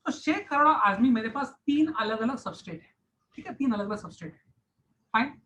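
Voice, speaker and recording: A man's voice: extremely high pitch, lively intonation, a little fast, pushed and bright, lo-fi sound, slight background noise. A man teaching a science class, explaining step by step, repeating key phrases and mixing English terms into his Hindi. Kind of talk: online class lecture.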